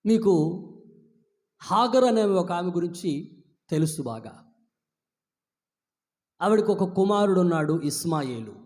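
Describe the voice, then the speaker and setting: A male pastor preaches with a high-pitched voice that lingers in a long hall reverb. He drops to quiet asides, then climbs to high, emphatic declarations. The recording comes from a live service in a church hall. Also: lively intonation, slow pace, long pauses. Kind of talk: sermon.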